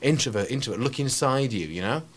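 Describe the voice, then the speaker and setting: Brash, animated man. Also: medium pitch, fast, noisy background. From England. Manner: lively, brash, rambling with many restarts. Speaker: ranting poet guest. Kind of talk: radio interview.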